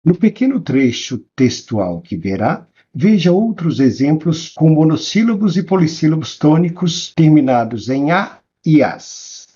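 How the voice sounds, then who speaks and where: A man teaching a grammar lesson in scripted narration, spelling out examples slowly and with emphasis. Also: on the high side, sing-song, dark tone, husky, highs cut off. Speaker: Portuguese teacher.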